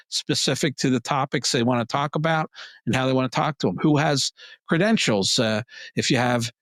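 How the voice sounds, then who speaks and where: Emphatic male guest losing his voice. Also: no echo. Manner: emphatic, plain-spoken, animated pitch jumps. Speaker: PR agency head, guest. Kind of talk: interview answers.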